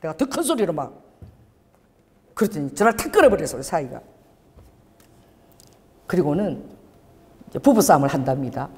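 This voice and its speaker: Animated older woman preaching in a hall. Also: low-pitched, moderate pace, long pauses. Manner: call-and-response preaching, animated. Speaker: pastor. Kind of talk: sermon. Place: church sanctuary. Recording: church hall reverb.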